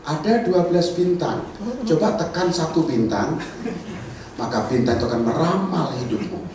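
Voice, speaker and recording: A man preaching a lively sermon as a pastor, acting out characters in playful voices. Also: fairly high pitch, moderate pace, slight background noise. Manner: animated, acts out Bible characters in voices. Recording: echoey church hall, mic at a distance.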